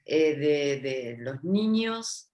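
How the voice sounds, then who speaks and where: Low-voiced woman posing a slow question. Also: animated, mellow, muffled recording. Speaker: moderator. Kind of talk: moderating a panel.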